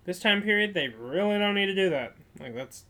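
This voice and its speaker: A woman's voice: mid-range voice, expressive, fairly quick, fairly bright tone. A woman co-hosting a film podcast in casual banter, informal and wry, chiming in with short remarks.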